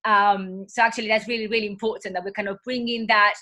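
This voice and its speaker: A woman with a cold speaks in a husky yet bright, forward voice. She talks as a yoga teacher in a casual interview and drifts between thoughts with gentle fillers and self-corrections. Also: medium pitch, fairly even intonation, fast. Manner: meandering, full of soft fillers and restarts.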